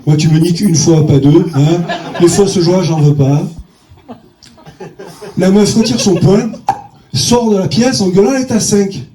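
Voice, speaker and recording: A man's voice: sits high, unhurried, long pauses, mellow, echoey room, far from the mic. A stand-up comedian man telling a crude story on stage, with a bawdy, punchy delivery and sudden jumps in his voice.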